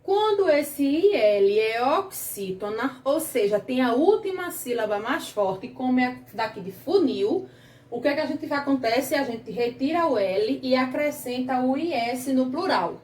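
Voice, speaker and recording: A woman's voice: high-pitched, expressive, a little slow, darkish tone, echoey room, distant mic. A woman teaching a grammar lesson to children, patient and questioning, stretching out key words, with a Brazilian Portuguese accent. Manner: patient, asks the class questions, drags out words.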